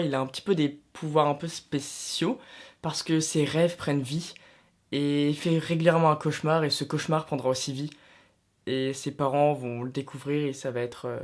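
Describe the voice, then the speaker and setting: A young man with a French accent speaks casually to camera, teasing himself between recommendations. His voice sits a little high for a man. He keeps it loose and conversational, as if speaking to a friend. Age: young adult. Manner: chatty, addresses viewer as tu, self-mocking asides. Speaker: YouTuber recommending films and series. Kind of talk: casual vlog talking to camera.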